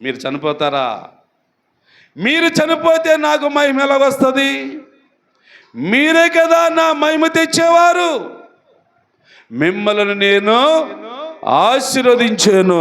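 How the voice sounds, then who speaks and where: A man preaching a sermon voices God calling gently to a weeping mother and reassuring her that help is at hand. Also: very high-pitched, sing-song, slow, long pauses, full character voice. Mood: comforting. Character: all-knowing God comforting a weeping mother.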